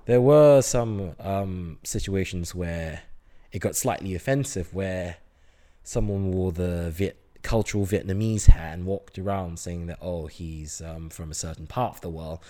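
A man's voice: low voice, unhurried, mellow. A man in his twenties from Singapore, a chemistry student chatting casually in an interview, hesitant with many fillers. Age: 20s.

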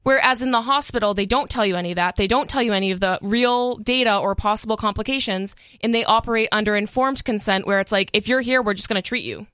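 A woman's voice: mid-range voice, quick pace, few pauses, sharp tone, clean tone, dry recording. A woman co-hosting a radio talk show, explaining her points at length in earnest, casual chat on a studio mic. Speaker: co-host. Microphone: studio microphone.

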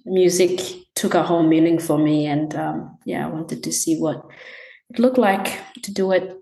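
Young woman, low voice, hesitant interview answers, echo around her. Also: moderate pace. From Tanzania. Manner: soft-spoken, many ums and restarts. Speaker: musician guest. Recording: echoey room.

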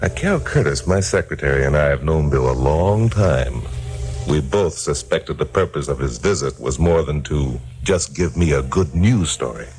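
A man's voice: very deep voice, expressive, moderate pace, darkish tone. An actor playing a wry, hard-boiled newsman in an old radio drama, teasing and slangy. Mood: matter-of-fact.

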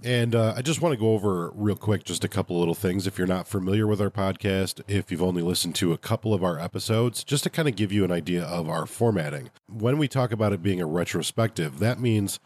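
Deep, nasal, congested male podcaster. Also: fast, hardly any pauses, a little mellow. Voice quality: nasal, stuffed-up voice. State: congested from a cold. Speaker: podcast host. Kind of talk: casual podcast review talk.

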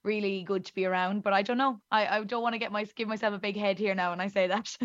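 A woman's voice: mid-range voice, steady tone, quick pace, a bit bright, no room sound, dull audio. A woman from Ireland with an Irish accent, a musician guest chatting casually and self-deprecatingly in an interview.

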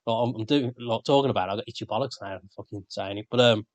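A man's voice: lowish voice, very fast, no echo. A man, co-hosting a podcast in casual banter, rambling and swearing freely. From England. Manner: sweary, rambling, laughs often. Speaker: podcast co-host.

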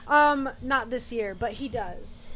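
A woman's voice: a little high, slow pace, crowd noise. A woman co-hosting a podcast in casual chat, with a teasing, dramatic, sassy way of talking.

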